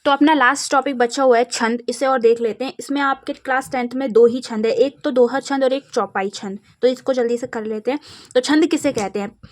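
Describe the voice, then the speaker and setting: Young teacher lady w/ madhya pradesh hindi accent, kinda high voice, steady explaining for exam revision. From India. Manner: steady explaining, slows to recite verse examples.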